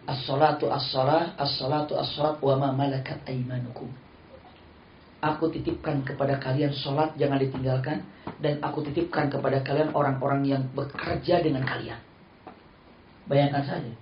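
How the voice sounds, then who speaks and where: A male Islamic preacher, giving a lively sermon full of stories and acted-out dialogue. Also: mid-range voice, a little hiss or hum. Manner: animated, acts out dialogue, laughs often. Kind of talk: sermon with storytelling. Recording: roomy, slightly dull recording.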